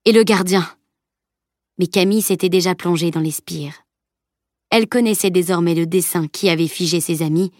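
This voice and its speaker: A woman with a lowish voice narrates an audiobook, reading scripted text in a steady, measured way. The recording is dry and of studio quality.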